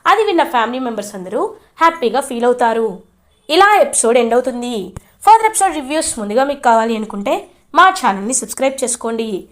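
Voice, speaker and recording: High-voiced woman recapping a serial. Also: fast talker. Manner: chatty, animated retelling with quoted lines. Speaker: serial episode recap narrator. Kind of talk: casual storytelling recap.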